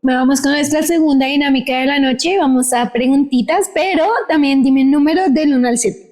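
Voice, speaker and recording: A woman's voice: sits high, a little fast. A woman, co-hosting a podcast and telling an anecdote in a slangy, laughing casual chat. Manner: expressive, laughing, slangy storyteller. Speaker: podcast co-host.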